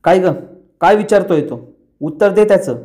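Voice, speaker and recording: A man's voice: a little high, normal speed, dark tone, close to an everyday voice. A man doing a furious, scolding father. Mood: angry. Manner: harsh, scolding. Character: angry stern father, shouting at his son.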